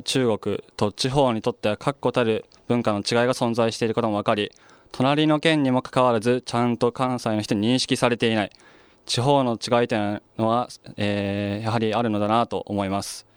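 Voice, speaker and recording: A young man hosts and narrates the piece from a script, unhurried and reflective, with a filler here and there. His voice is smooth and resonant, middling in pitch. The sound is dry and close, with no room around it. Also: no room sound. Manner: measured, reflective delivery with occasional fillers. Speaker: host.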